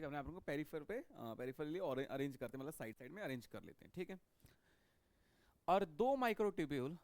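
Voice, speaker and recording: A man's voice: a little high, no room sound. A man teaching a biology lecture in a classroom style. He repeats key points and keeps checking that students follow him. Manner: repetitive, checks understanding with frequent "okay".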